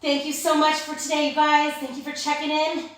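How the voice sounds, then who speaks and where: A woman with a fairly high voice instructs a live Pilates class. She cues and counts in an informal, encouraging manner. The recording is very reverberant, with her voice some distance from the microphone. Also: level tone, brisk, a bit bright. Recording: very echoey room, distant microphone.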